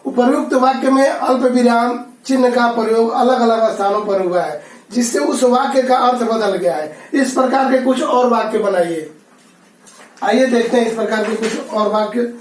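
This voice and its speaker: A man with a very high voice explains a lesson slowly and patiently, going back over his phrases. He sounds some way from the mic, and the room gives his voice a strong echo. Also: far from the mic, slight background noise. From India. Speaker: school teacher. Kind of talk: classroom lesson.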